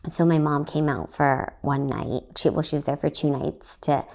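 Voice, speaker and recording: A young Texan comedian tells a story on her own podcast in a casual solo format, rambling and using lots of fillers. Her voice is low-pitched and a little mellow. She keeps a steady tone at a moderate pace.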